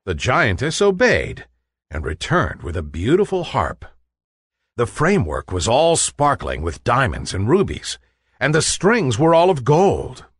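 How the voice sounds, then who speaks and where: Slow and careful for learners, a husky-voiced man reads aloud a storybook tale with huge swings in pitch. The recording is close-miked and dry, with no room sound or echo behind him.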